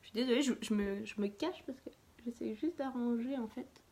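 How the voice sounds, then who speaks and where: Woman host, fairly high voice, chatty live makeup tutorial, half-murmured asides while she works, self-mocking. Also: brisk. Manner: chatty, talks while applying makeup, drops to a soft murmur when concentrating. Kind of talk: casual makeup tutorial chat.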